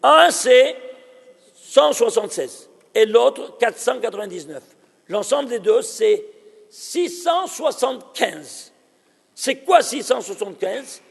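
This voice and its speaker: A man teaching a Torah lesson as a rabbi, animated and exclaiming, often asking his audience questions. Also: extremely high pitch, takes it slowly, creaky, husky, big-room sound.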